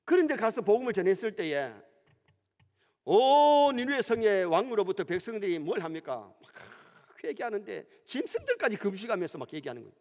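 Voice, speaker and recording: In a church sanctuary, a middle-aged pastor speaks a little fast in a high male voice, telling his sermon like an animated story. His accent is Gyeongsang Korean, and a long church-hall reverb trails his words.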